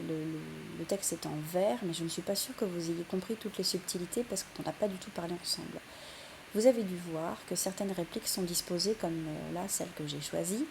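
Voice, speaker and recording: Young woman teacher, gravelly lowish voice, lots of um and restarts, bit of hiss. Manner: explanatory, many fillers and restarts. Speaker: French literature teacher. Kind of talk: recorded lesson for students.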